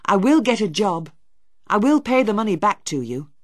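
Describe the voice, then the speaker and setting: A woman reading a storybook voicing a stubborn, angry teenage boy with a sharp, demanding manner. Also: medium pitch, sing-song, moderate pace, dry recording, studio quality, voice pushed up. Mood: tense.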